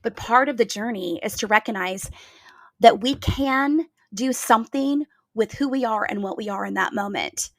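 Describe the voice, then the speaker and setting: A woman's voice: a little high, moderate pace, no room sound, studio quality. A woman hosting a podcast, telling a reflective story in an earnest, emphatic way. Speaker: podcast host.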